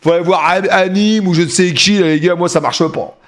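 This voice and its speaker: A middle-aged man chatting and joking on a live stream, with loud hype bursts. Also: sits high, a little fast. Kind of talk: casual live-stream chat.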